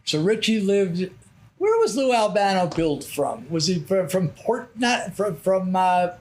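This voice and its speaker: A man's voice: big pitch swings, measured pace, darkish tone. Rambling older man telling a story. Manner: rambling, drops his voice low to act out quotes. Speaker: podcast host. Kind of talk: casual storytelling.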